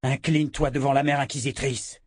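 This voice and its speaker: A man as a gruff young swordsman. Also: medium pitch, level tone, a little fast, no echo, studio quality, natural voice. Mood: threatening.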